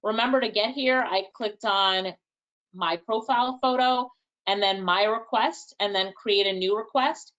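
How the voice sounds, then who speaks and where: Her Jamaican accent comes through as she leads a live online workshop, fielding chat questions in a relaxed, talkative way, thinking aloud and laughing softly. The voice is mid-range and fairly bright with a measured pace, on dull-sounding audio.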